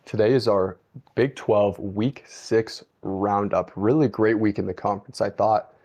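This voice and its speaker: A man hosting a casual football talk show shares his opinions conversationally, peppering them with "I mean" and "like." His voice is lowish and darkish, with fairly even intonation and an unhurried pace.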